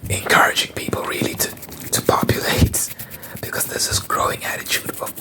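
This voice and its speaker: An ASMR host from South Africa whispering fast, talking through opinions in a rambling way with halting restarts.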